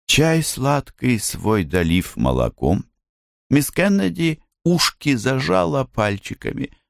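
A man narrating a literary audiobook in a measured, expressive reading. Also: mid-range voice, vocal fry, dry recording, studio quality. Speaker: audiobook reader.

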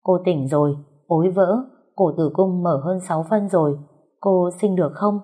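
A woman voicing a hurried hospital nurse who asks urgent, quick questions. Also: on the low side, dark tone, slightly rough.

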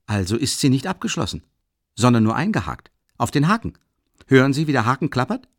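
A man voicing an eager, excitable young man who talks quickly and insistently in an audiobook. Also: mid-range voice, no room sound, studio quality, voice pushed up. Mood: urgent. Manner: urgent, quick, insistent reasoning.

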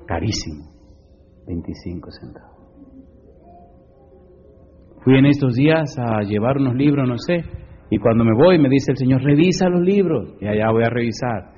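Husky-voiced preacher in a hall. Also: male voice, medium pitch, dull audio. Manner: animated preaching with sudden loud questions and quiet asides. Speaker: pastor. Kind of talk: sermon.

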